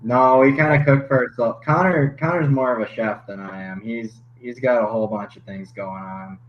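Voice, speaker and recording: A young man, a hockey goalie guest on a podcast, chatting casually and laughing often, with halting restarts. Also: medium pitch. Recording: slightly dull podcast audio with faint noise.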